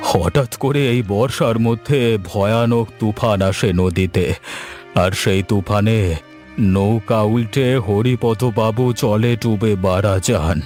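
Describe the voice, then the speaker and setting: A man acts a sensible, caring village gentleman in a melodramatic story drama. His voice is on the low side and earnest. Faint music plays behind him. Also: slow pace. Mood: sombre, concerned. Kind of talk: melodramatic Bengali audio-story acting.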